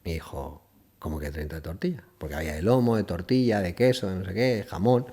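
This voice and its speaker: A man's voice: deep voice, brisk, breathy edge. A middle-aged man from Spain, telling casual stories and acting out dialogue as a podcast guest. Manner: lively anecdotes, acts out dialogue, laughs often. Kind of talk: casual storytelling.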